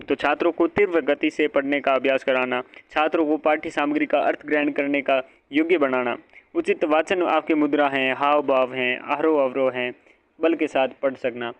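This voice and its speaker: On a dry, dull lo-fi recording, a man with a voice on the high side delivers an exam-prep lecture. He questions and answers himself and goes over each point again.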